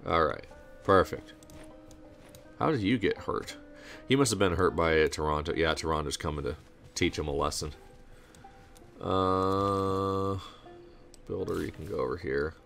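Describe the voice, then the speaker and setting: A low, gravelly-voiced man talks his way through a strategy game, rambling and thinking aloud with the odd sarcastic aside. He is on a home desk mic without a pop filter, and soft game music plays faintly behind him. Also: measured pace, pauses often. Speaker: gameplay commentator. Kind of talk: casual let's-play commentary.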